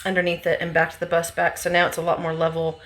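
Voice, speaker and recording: In a lowish monotone, a woman talks fast while casually vlogging the bus she's converting, thinking aloud as she works inside it. A radio plays and work noise clutters the on-site recording.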